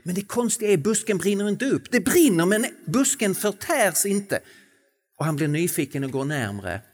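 A man's voice: high voice, expressive. Man preaching in a reverberant hall. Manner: dramatic swings from soft to emphatic, slow stressed phrases. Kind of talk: sermon.

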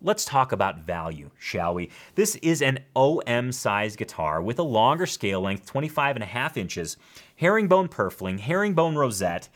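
A man's voice: medium pitch, big pitch swings, moderate pace, fairly bright tone. A man with an American accent hosting a show in an emphatic, enthusiastic top ten countdown style. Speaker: guitar show host.

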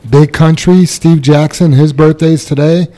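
A man co-hosting a casual podcast, reading out names and birthdays from a list. His voice is mellow and dark, and his delivery stays matter-of-fact. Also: on the high side, fairly even intonation, measured pace. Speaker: podcast co-host reading announcements.

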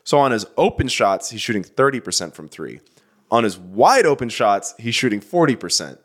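A man co-hosting a sports podcast in a studio, talking in a lively, casual way, repeating himself and rattling off stats. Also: on the low side, moderate pace. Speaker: podcast co-host.

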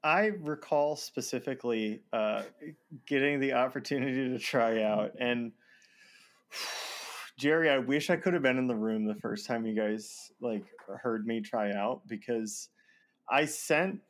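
A male voice actor appears as a guest in a casual conversation, speaking in a mid-range voice. He's self-deprecating and laughs often, with halting restarts.

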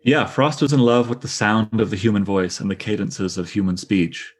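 A man's voice: fairly low pitch, steady tone, normal speed. A middle-aged male teacher leading a class discussion on poetry, reading lines aloud and asking his students questions.

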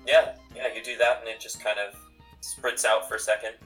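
A man's voice: lowish voice, level tone, brisk, a bit bright, distant mic, faint music behind. A man narrating a tabletop game casually as game master and host.

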